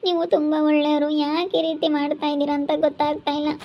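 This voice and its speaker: A desperate young wife, played by a woman, pleading and then lashing out. Her voice is very high but keeps to a narrow, even line. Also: quick pace, slight background noise, lightly acted. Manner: pleading, then cursing angrily.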